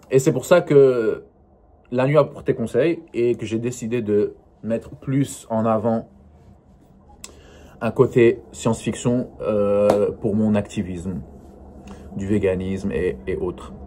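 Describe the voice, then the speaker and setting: A man's voice: lowish voice, darkish tone. Rambling French-speaking male vlogger. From not northern France. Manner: rambling, hesitant with many fillers and restarts. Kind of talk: casual solo vlog monologue.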